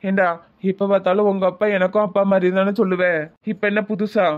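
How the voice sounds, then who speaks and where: A man's voice: high voice, little pitch movement, quick pace, no room sound, narrow, tinny audio, natural voice. A man doing a pushy, caring young friend. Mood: concerned. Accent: Tirunelveli Tamil. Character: caring young male friend who keeps pressing questions. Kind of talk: cartoon voice acting.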